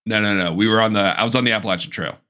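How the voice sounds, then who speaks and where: A man co-hosting a casual podcast, rambling with restarts as he pitches a comedy idea. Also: fairly even intonation, very fast, bright, forceful tone, clean tone. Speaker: podcast co-host. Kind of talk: casual chat.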